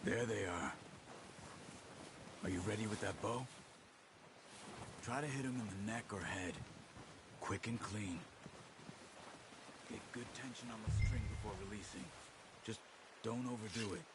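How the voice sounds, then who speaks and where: A man's voice: measured pace, long pauses, background noise. An American man playing a seasoned, watchful hunter in a video game, giving terse, patient instructions. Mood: focused, cautious. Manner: instructive, terse, low-key commands. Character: seasoned male hunter, patient, watchful outdoorsman guiding a companion. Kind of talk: naturalistic video game acting. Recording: game dialogue under loud outdoor ambience.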